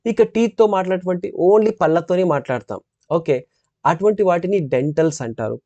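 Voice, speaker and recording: Telugu-accented man teaching phonetics, mellow voice. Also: high voice, lively intonation, no echo, highs cut off. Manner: explains step by step, repeating sample sounds slowly. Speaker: English teacher. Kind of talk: classroom lecture on phonetics.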